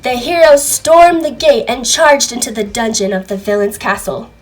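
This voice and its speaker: A woman with a fairly high voice reads a children's book aloud, telling the story in an expressive, deliberate, theatrical way. The audio quality is poor.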